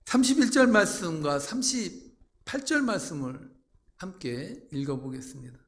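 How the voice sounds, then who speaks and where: A man preaching a sermon as pastor, acting out quoted voices with sudden loud outbursts. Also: sits high, sing-song, unhurried.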